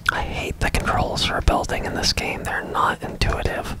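A person whispering softly and casually in a breathy, unvoiced voice as an ASMR gaming host. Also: moderate pace. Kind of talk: whispered ASMR game commentary.

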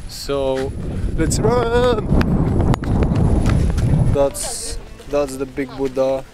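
Over loud music, a man speaks very slowly in a medium-pitched voice while vlogging outdoors at a tourist spot. He's the channel owner, talking to a handheld camera in relaxed, unpolished English and tossing in chatty tour-guide asides for his casual travel vlog.

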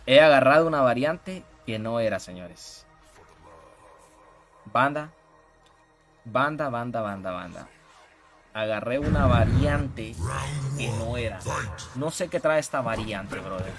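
A man streaming a fighting game live, greeting viewers by name in loose slangy banter and breaking into excited shouts. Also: mid-range voice, slow, pauses often, over loud music. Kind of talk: live gameplay commentary, chatting with viewers.

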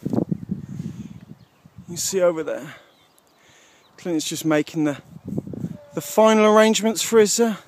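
A man in his thirties with a high voice talks slowly and easily to a camera held at arm's length at a lakeside camp. He sounds upbeat and rambling and fills his pauses with ums. A faint outdoor hiss sits behind him. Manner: chatty, upbeat, with frequent ums. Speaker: outdoor vlogger. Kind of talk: casual chat to camera. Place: outdoors by a lake at a wild camp. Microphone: handheld camera at arm's length.

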